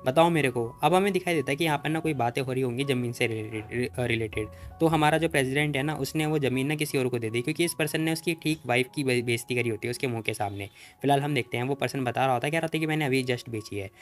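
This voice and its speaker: A man's voice: medium pitch, fast talker, faint music behind. A man narrating a comic story recap in a chatty, filler-heavy way.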